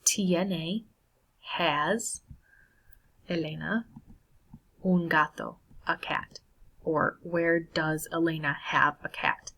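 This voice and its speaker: Lady teacher going thru spanish answers on screen, slow and easy, keeps asking "right?", a bit low. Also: steady tone, bright, forceful tone, rough recording. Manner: patient, checks in with "right?" and "all right". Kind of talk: screen-share lesson walkthrough.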